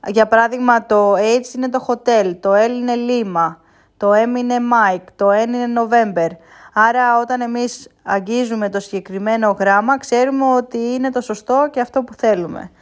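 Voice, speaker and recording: A woman giving a casual spoken tutorial, explaining step by step and pausing often with hesitation sounds. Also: on the high side, steady tone. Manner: unhurried explaining with frequent hesitations. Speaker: instructor.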